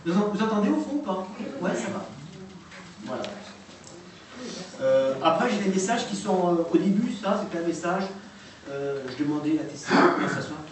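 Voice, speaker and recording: A man's voice: high-pitched, lively intonation, moderate pace, pauses often. Guy rambling to an audience, lots of euh and voilà, sounds far off and echoey. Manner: hesitant, full of fillers and restarts. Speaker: presenter of recordings to an audience. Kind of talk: informal talk to a live audience. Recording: echoey room, distant mic, noisy.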